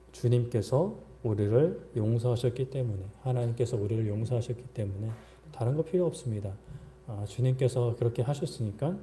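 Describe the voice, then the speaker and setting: Very dark-voiced Korean pastor preaching. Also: male voice, medium pitch, a little hiss or hum. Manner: conversational preaching with acted-out prayers and quotes; frequent fillers and restarts, occasional chuckles. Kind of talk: sermon.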